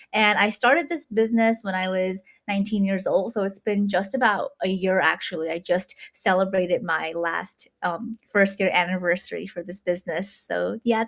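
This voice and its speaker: Woman, 20s, from Nepal; chatty, bubbly guest, casual. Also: mid-range voice. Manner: bubbly, chatty with many fillers. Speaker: guest, university student. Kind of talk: casual interview chat.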